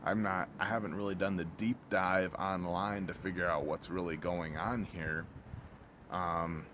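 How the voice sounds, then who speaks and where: A man with a low voice rants casually over clearly audible ambient noise. He rambles, circles back on the same phrases and often trails off before finishing. His delivery is blunt, exasperated and peppered with profanity. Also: level tone, measured pace, fairly bright tone. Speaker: vlogger reviewing a TV episode. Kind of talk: casual off-the-cuff rant.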